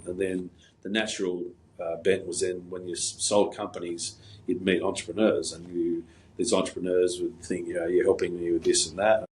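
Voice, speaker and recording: Deep-voiced man telling stories. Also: little pitch movement, moderate pace, darkish tone, a little hiss or hum, low-quality recording. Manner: rambling anecdotal delivery with fillers and restarts. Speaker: guest. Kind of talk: casual interview storytelling.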